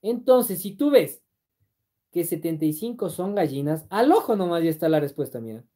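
A woman's voice: lowish voice, expressive, moderate pace, mellow. A woman teaching math on a live stream, working through problems step by step, checking in with her students and reading their comments aloud. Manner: explains step by step, keeps checking in with "¿sí?"; reads viewer comments aloud and answers them. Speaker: math exam-prep teacher.

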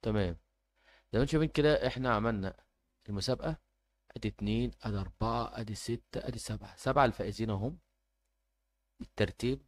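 A man's voice: on the low side, fast, pauses often. A man with an Egyptian Arabic accent announcing a giveaway informally as host, hesitating and repeating himself as he goes.

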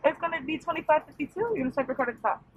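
A woman taking orders through a drive-thru speaker box, with polite, quick service patter and hesitant fillers. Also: sits high, lively intonation. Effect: heard through a drive-thru speaker box. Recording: dull, tinny outdoor speaker sound.

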